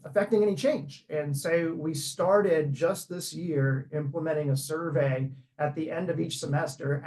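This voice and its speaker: A man's voice: a little high, darkish tone, poor audio. A man from a university teaching center, answering informally as a panelist on a video call.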